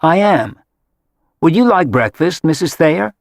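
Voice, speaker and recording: A man's voice: on the high side, sing-song, unhurried, gravelly, dry recording, clean studio sound, pitched above the performer's own voice, full character voice. A man voicing a kind, unflappable woman chef who speaks politely, in an audiobook. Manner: polite, gracious.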